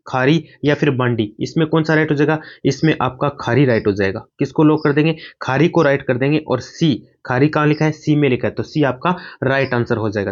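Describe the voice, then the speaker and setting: A man's voice: a little high, lo-fi sound. A man teaching an online exam-prep class, drilling through quiz questions at speed and answering his own questions.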